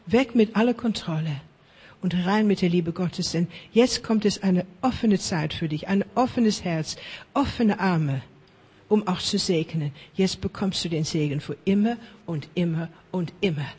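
A male preacher leads charismatic prayer ministry, his voice high, breathy and a little mellow. He chants his blessings fervently and repetitively at an unhurried pace, occasionally dropping to a whisper. His prayer is in German, with English phrases slipping in.

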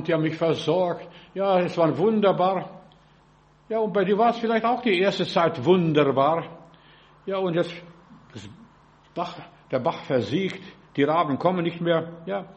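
A man preaching a sermon in short, animated phrases, acting out quoted voices and often stopping to check that listeners follow. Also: fairly high pitch. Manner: speaks in short broken phrases, often saying "ja" and "verstehst".

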